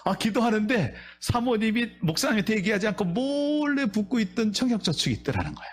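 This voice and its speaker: A man's voice: high-pitched, very animated, a little fast. A male pastor preaching a sermon, telling stories and asking the congregation rhetorical questions.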